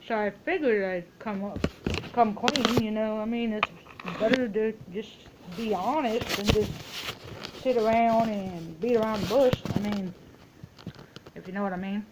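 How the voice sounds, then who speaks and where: A woman's voice: mid-range voice, measured pace, heavy background noise. A woman in a casual, rambling phone chat, telling stories and quoting herself and other people as she goes. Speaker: vlogger making a phone call.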